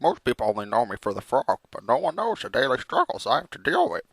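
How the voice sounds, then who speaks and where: A man voicing a melodramatic, vengeful frog hero in theatrical comic storytelling, with a gravelly cartoon-like voice. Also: mid-range voice, big pitch swings, fast talker, a bit bright, dry recording, heavily acted. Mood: mournful storytelling. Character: melodramatic, vengeful male frog hero telling his journey.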